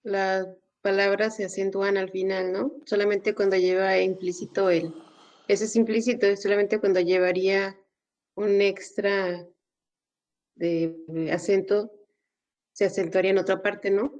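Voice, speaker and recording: A woman's voice: medium pitch, flat delivery, measured pace, a little mellow. A woman student in an online class tentatively explaining her reasoning. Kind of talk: answering in class. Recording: dull lo-fi call audio.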